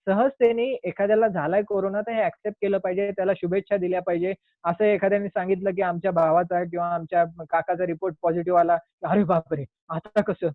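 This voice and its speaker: A man's voice: high voice, level tone, fast, dry recording. A man who is a doctor giving an earnest, explanatory health talk, now and then acting out little quoted scenes. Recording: tinny phone-like line.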